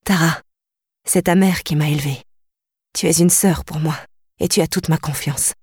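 A woman reading a soft solemn queen. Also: deep voice, fairly even intonation, normal speed, breathy edge, no room sound, clean studio sound. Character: ancient Cretan queen, solemn and trusting.

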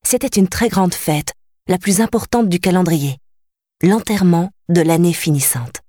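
A woman reading a children's novel aloud as audiobook narration, calm and even. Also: lowish voice, normal speed, no room sound, studio quality. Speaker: audiobook reader.

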